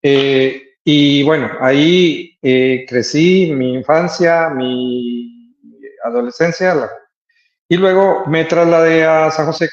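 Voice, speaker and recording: A man with a Costa Rican accent, speaking as an interview guest about his life as an artist, thoughtful and hesitant with many filler pauses. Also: on the high side, steady tone. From Costa Rica. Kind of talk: interview conversation. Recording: roomy, slightly dull sound.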